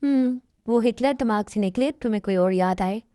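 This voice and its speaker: A woman's voice: a little high, moderate pace, warm tone, clear, resonant tone, no echo, studio quality, close to an everyday voice. A woman voicing a bossy, teasing young sister who scolds, in a fan dub. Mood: scolding.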